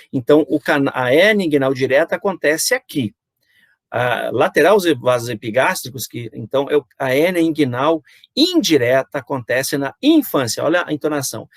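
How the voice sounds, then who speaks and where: A man's voice: mid-range voice, no echo, studio quality. A middle-aged man with a Brazilian Portuguese accent, giving a university anatomy lecture and peppering it with "né?" and rhetorical questions to his students. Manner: explanatory, frequent "né?" and "então", rhetorical questions to students. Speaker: anatomy professor.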